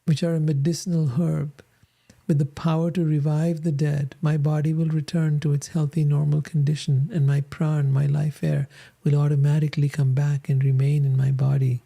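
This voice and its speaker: A reader lending a plain voice to a lovesick young goddess, imploring and devoted, begging her beloved to return. The tone sits low and dark, with a gravelly fry at the phrase ends. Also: flat delivery, moderate pace. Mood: pleading.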